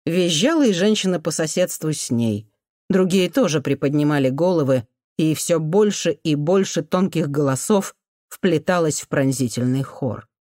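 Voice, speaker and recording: Even, measured audiobook narrator. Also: mid-range voice, dry recording, studio quality.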